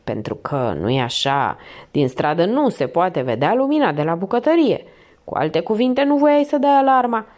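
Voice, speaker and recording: A placid middle-aged police inspector, read by a woman who speaks in a quiet, measured murmur. The delivery is low-keyed and detached, heard in a storybook. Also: sing-song. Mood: stern.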